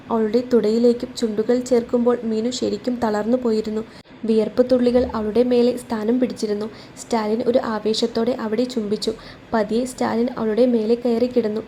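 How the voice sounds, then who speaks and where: Female storyteller for a romance story; mellow, flat, slightly high voice; faint background noise. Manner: voices every character in her own voice. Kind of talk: scripted narration of a romance story.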